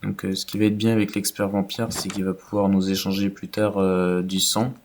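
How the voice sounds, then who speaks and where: Low-voiced man narrating gameplay. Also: moderate pace, a little hiss or hum. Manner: relaxed, rambling, many fillers. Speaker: gaming YouTuber. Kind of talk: casual gameplay commentary.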